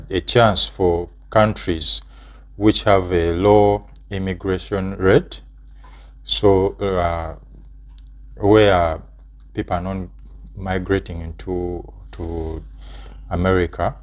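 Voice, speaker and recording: A man from Uganda with a Ugandan English accent, co-hosting and plainly explaining steps, with fillers and short affirmations. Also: deep voice. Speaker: channel co-host. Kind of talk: explanatory casual chat.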